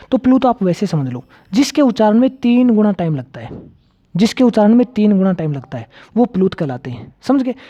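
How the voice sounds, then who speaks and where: A man's voice: high-pitched, dark tone, lo-fi sound. A man teaching an exam-prep grammar lecture, repeating key terms and asking and answering his own questions.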